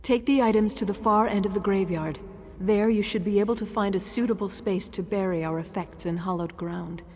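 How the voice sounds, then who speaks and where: A husky, echoing female ghost. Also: medium pitch, fairly quick, a little mellow. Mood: solemn, grateful. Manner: formal, earnest. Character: grateful female ghost of a tormented victim, solemn, earnest. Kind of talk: fantasy video game character dialogue. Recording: long reverb, dull sound, music behind.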